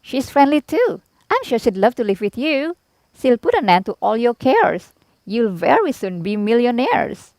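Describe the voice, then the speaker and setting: A woman's voice: fairly high pitch, big pitch swings, normal speed, darkish tone, no echo, voice pushed up. A woman voicing a crafty female duck in a storybook, pleading and sweetly persuasive. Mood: sweetly sly. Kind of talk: storybook character voice.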